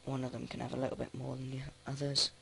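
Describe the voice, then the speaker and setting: Flat-voiced man narrating gameplay. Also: mid-range voice, vocal fry, a little hiss or hum. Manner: flat, halting, thinks aloud with many restarts. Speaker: let's play host. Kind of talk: casual gameplay commentary.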